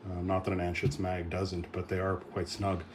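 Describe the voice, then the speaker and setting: A middle-aged man with a low voice talks through a casual vlog update. He rambles, restarting sentences and filling gaps with ums and uhs. A faint hum of room noise sits behind him. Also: monotone, moderate pace. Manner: rambling, with many fillers and restarts. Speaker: firearms channel host.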